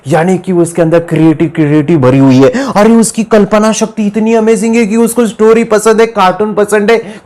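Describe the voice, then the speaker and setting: A man teaching a memory course in an animated motivational lecture style, often addressing listeners as dear friends. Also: sits high.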